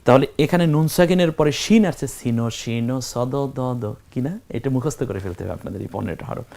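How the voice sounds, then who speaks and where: Speaking a little fast, a man with a medium-pitched, somewhat mellow voice and vocal fry gives a step-by-step Quran recitation lesson. He poses questions, answers them himself, and spells out the letters one by one.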